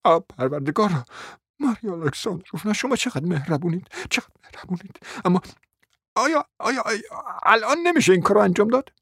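A man's voice: high-pitched, animated, fairly bright tone, breathy edge, heavily acted. A desperate, lovesick young suitor in a radio drama, stammering and begging as his voice leaps up and down. The recording is dry, with no reverb. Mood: desperate pleading. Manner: stammering, pleading. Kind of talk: radio play acting.

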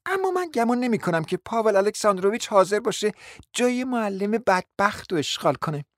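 A man voicing a bold, sharp-tongued lady with a sarcastic, needling manner. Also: high voice, lively intonation, dry recording, studio quality, voice pushed up.

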